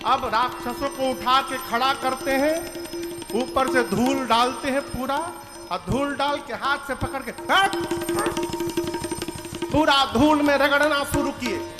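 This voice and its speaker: In an echoing hall where music plays faintly, a man with a very high-pitched voice tells a devotional epic without hurrying. He performs it dramatically, giving voice to the characters.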